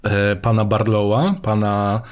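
A man's voice: on the low side, level tone, measured pace. A man co-hosting a casual film podcast, talking in a playful, joking and meandering way with frequent fillers. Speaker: podcast co-host.

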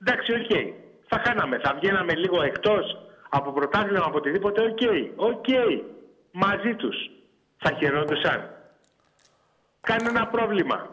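A man's voice: sits high, animated, pauses often, a bit bright, dull audio. Male caller with a lightish voice, rambles and repeats himself, fervent. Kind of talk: casual phone-in chat.

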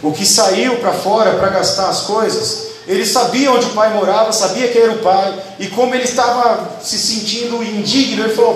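A man with a Brazilian Portuguese accent preaching a conversational sermon, often asking the congregation for an amen. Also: high-pitched. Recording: echoey room, mic at a distance, faint background noise.

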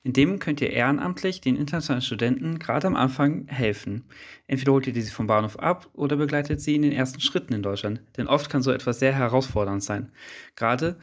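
A man's voice: mid-range voice, fast. Young male student radio reporter. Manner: scripted, even narration with interview questions. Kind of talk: read-out radio feature narration.

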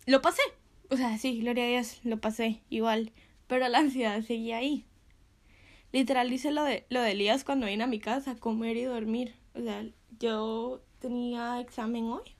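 A woman's voice: fairly high pitch, creaky. A young woman sharing a casual devotional talk, chatty and full of fillers, often laughing between phrases.

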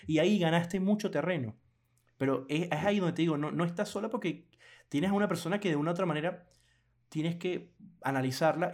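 A man co-hosting a casual podcast chat, animated and laughing often, acting out quoted clients in lively bursts. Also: fairly high pitch. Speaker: podcast co-host.

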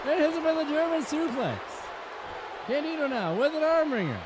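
A man doing an excited wrestling commentator, calling moves play-by-play in a punchy, emphatic, often shouting delivery. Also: very high voice, normal speed. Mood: punchy, focused. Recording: very noisy, loud crowd behind. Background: loud crowd noise.

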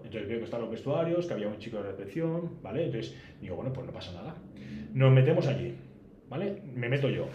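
A man, a podcast guest telling a travel story in a casual, animated way and acting out the dialogue. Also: mid-range voice, highs cut off. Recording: roomy echo, faint background noise.

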